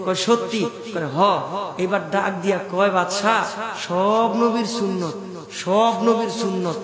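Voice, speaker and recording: High-pitched shouting preacher in an echoing hall. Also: male voice, steady tone. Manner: storytelling with shouted highs and quick drops to soft asides. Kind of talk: sermon. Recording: echoey hall, crowd behind.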